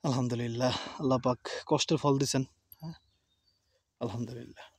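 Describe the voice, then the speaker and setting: A man vlogging outdoors in a village, speaking quickly in an easy, chatty way. His voice is dry and close, sits at a middle pitch, and he keeps giving thanks to God between remarks. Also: fairly even intonation, gravelly, darkish tone, husky, dry recording. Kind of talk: casual vlog chat to camera.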